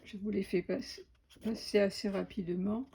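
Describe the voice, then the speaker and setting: A woman chatting through an unboxing of craft supplies, slow and hesitant with many fillers and restarts. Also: mid-range voice, fairly even intonation, vocal fry, noisy background. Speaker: crafting vlogger. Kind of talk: casual unboxing commentary.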